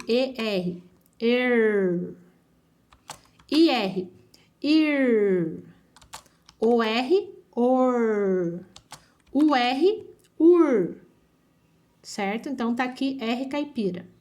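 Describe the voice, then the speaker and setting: Female schoolteacher, slightly high voice, very slow and careful phonics delivery. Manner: slow, drawn-out syllables with frequent checking questions. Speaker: primary school teacher. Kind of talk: online phonics lesson.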